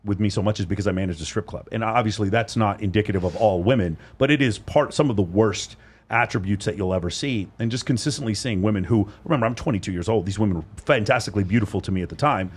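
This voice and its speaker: A man with a lowish, husky voice talks fast as co-host of a casual interview chat with women. He's blunt and rambling, and he swears a lot.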